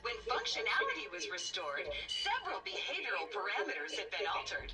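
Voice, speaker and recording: A woman voicing a cheerful female robot park guide, her voice passed through a metallic robotic filter, speaking in a sing-song sales pitch. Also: wildly swooping pitch, a little fast, a crowd in the background. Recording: distant game audio over background music.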